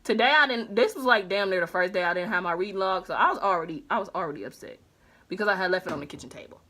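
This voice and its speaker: A young woman vlogger telling a slangy, animated storytime while doing her makeup. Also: mid-range voice, fast talker. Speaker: beauty vlogger.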